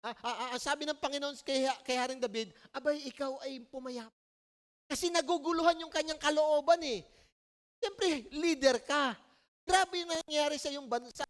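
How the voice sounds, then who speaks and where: A woman with a Filipino accent preaching a sermon at a church service in a conversational, animated way, often checking in with the listeners. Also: high voice. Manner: conversational, animated storytelling, frequent "po" and "no?".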